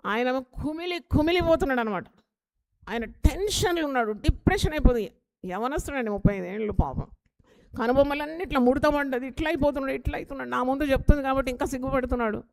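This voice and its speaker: Woman pastor, earnest and exhorting sermon delivery, voice a touch high. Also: quick pace, darkish tone. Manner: earnest, exhorting, with rhetorical questions.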